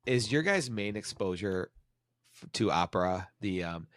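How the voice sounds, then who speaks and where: A man co-hosting a casual podcast chat, teasing the others with quick jokey interjections. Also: on the low side, expressive, a bit bright, no echo, studio quality. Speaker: podcast co-host.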